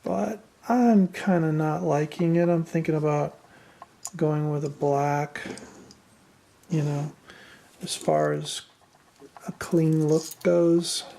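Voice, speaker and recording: A woman's voice: low-pitched, steady tone, slow, pauses often, dark tone. A woman giving a casual, unscripted build walkthrough as a hobbyist presenter, hesitant and self-deprecating, with machine noise behind her. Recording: clear machine noise in background.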